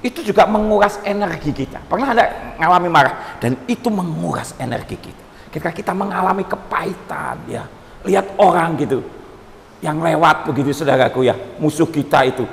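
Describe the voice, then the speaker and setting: A man pastor preaching a sermon, animated and joking, often calling out to his listeners. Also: on the high side, brisk, creaky, slight background noise. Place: church seminar hall. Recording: long hall reverb.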